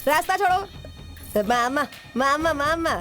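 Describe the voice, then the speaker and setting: A woman's voice: sits high, expressive, slow, a bit bright, faint music behind, heavily acted. A brassy female gang boss. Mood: teasing. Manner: brassy, swaggering, street slang. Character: brash bossy female gang leader. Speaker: gang leader. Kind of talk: Hindi film dubbing.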